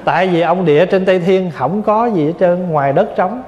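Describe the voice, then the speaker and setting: A Vietnam-born man in his forties, a Buddhist monk, gives a folksy, joking dharma talk with a fairly high voice. The sound comes from a large, echoing hall with a long reverb tail. The recording is dull and a little muffled. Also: moderate pace, a crowd in the background. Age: 40s. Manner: folksy and humorous, mixing in English words.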